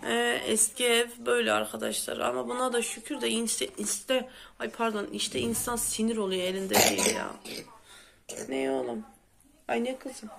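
A chatty woman vlogs from home in a fairly high voice, with a faint hiss under it. She is sick with a sore throat and talks in quick, exclamatory bursts, complaining and calling out to her viewers. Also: fairly even intonation, creaky. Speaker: vlogger host. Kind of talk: casual home vlog chat. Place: at home, indoors.

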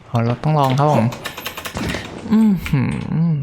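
A man's voice: a little high, animated, measured pace. A man giving casual commentary while playing a horror game, exclaiming and chattering at the screen. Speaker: gameplay streamer. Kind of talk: casual let's-play commentary. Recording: clear background game noise.

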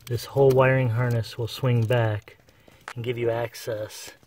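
Working under a dashboard with his tools, this car repair how-to presenter walks through a fix step by step in a casual, plain, unhurried way. His mid-range voice is a little mellow with little pitch movement, and there's slight background noise.

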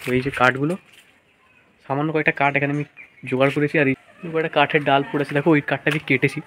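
A man's voice: on the high side, level tone, rapid-fire, fairly bright tone, a little hiss or hum. A man, chatting casually to camera in a village home vlog, coaxing and narrating his chores. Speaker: vlogger. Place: rural home, indoors and outdoors.

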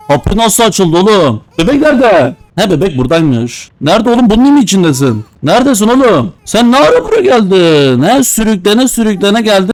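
A young man talks through a horror game in a teasing, slangy way, breaking into loud exclamations and baby talk. His voice sits a bit high for a man. The recording is dry and close, with no room sound. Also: dry recording. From Adana, Turkey. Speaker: gamer playing a horror game. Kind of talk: casual let's-play commentary.

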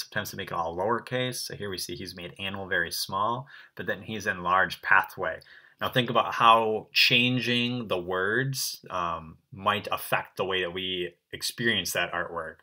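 A young man talks children through an art lesson. His low voice has a very bright, forceful edge. He explains patiently and in a friendly way, with plenty of ums along the way. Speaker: art teacher. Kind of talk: recorded class lesson for kids.

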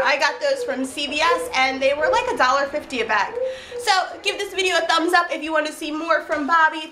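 A woman's voice: high-pitched, bright, forceful tone, slight background noise. A woman in her thirties chatting casually to camera as a video host, coaxing and encouraging as she talks with young children. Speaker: host of a parenting video channel. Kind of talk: casual chat to camera, candy review. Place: living room at home. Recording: roomy echo, music behind.

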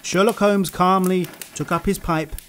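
A man playing a composed doctor who narrates a radio drama in a steady, descriptive way. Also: high-pitched, measured pace, a little hiss or hum. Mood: calm.

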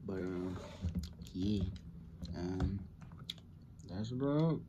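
A man's voice: low-pitched, lively intonation, drawn-out words, dull audio, heavy background noise. A young man from California giving casual, profanity-heavy reaction commentary on a football game, rambling and slangy. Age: young adult. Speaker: sports reaction video host.

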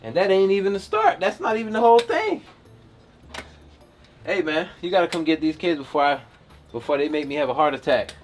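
A man's voice: a little high, big pitch swings, fairly quick, long pauses. A man playing a grumpy, exasperated seventy-year-old grandpa, grumbling in a loosely improvised family comedy skit. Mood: pleading, fed up. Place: around a house, indoors and outdoors. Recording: noisy, roomy, distant camera-mic sound.

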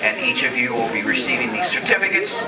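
Middle-aged man, county official, plain mid pitch, jokey off-script manner, handheld mic in an echoey hall with a crowd behind. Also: expressive, fast, distant mic. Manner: joking, off-script asides. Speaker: county commissioner presenting awards. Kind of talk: casual public ceremony speech. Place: large open-sided farm hall. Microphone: handheld microphone.

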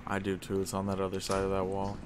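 A low-pitched man chats casually through a horror game as a scared streamer would, with swearing and exclamations. There is clear noise around his voice. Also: completely flat delivery, fast. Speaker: video game player. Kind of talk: casual gaming chat with a friend during a horror game.

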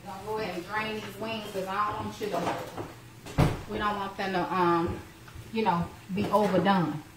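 A woman's voice: medium pitch, little pitch movement, normal speed, noisy background. A woman in her thirties hosting a live home cooking stream from her kitchen, chatting playfully with viewers and throwing in churchy exclamations. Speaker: home cooking show host. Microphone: phone camera, moving between close and across the kitchen.

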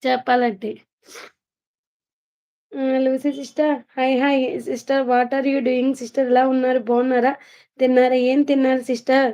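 A woman's voice: high-pitched, level tone, normal speed, pauses often, dark tone. A woman chatting casually on a live stream, greeting viewers by name and reading their comments aloud. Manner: chatty, greets viewers one by one, laughs often. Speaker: vlogger hosting a live stream. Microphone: phone.

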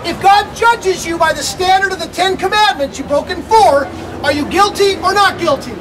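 A middle-aged American man preaching and putting questions to a crowd outdoors in a loud, emphatic, projected delivery. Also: extremely high pitch, moderate pace. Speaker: street preacher. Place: outdoor beach plaza, crowd and traffic behind. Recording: distant outdoor recording with street and crowd noise.

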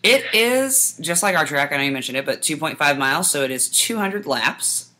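Low-voiced, bright, swearing woman co-host. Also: expressive, moderate pace. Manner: swears freely, laughs often. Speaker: podcast co-host. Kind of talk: casual chat.

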